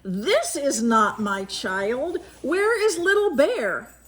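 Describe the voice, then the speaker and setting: A woman's voice: high-pitched, sing-song, takes it slowly, a bit bright, pitched above the performer's own voice, exaggerated voice. A woman voicing a grown mother bear from a children's storybook, in an emphatic, exclaiming manner. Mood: startled, worried. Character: grumpy, startled adult mother bear in a storybook.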